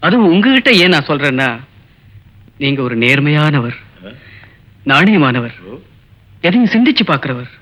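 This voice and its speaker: A man's voice: on the high side, very animated, moderate pace, pauses often, bright, forceful tone. An actor playing an earnest young male college student in a Tamil film, speaking with a Tamil accent and pleading his innocence. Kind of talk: 1980s film acting.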